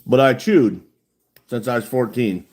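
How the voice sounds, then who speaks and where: A man's voice: mid-range voice, unhurried, darkish tone. Guy talking with a lip full of dip. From United States. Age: 40s. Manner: talks with a lip full of chewing tobacco; blunt, profane, folksy. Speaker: livestreamer chatting with viewers. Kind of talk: casual chat.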